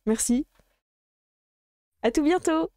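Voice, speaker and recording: A woman game master chatting casually as she wraps up a live stream, halting often with fillers. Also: high-pitched, lively intonation, a little mellow, dry recording, studio quality.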